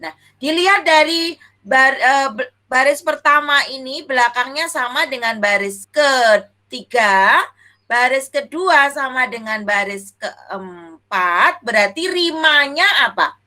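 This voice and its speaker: A woman's voice: sits high, lively intonation, takes it slowly, pushed and bright. A young woman teacher, teaching a children's class, affectionate and calling her pupils dear, asking questions and answering them herself. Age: young adult.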